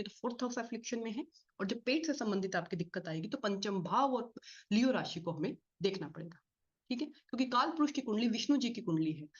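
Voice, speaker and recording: A woman teaching an astrology class in a fast, explanatory lecture style, often asking and answering her own questions. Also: mid-range voice. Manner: fast-talking, explains with repeated rhetorical questions. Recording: slightly dull lo-fi audio.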